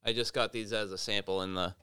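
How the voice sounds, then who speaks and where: A man co-hosting a trade podcast, chatting casually and teasing his co-host in quick back-and-forth banter. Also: lowish voice, steady tone, bright, forceful tone, clear, resonant tone, dry recording.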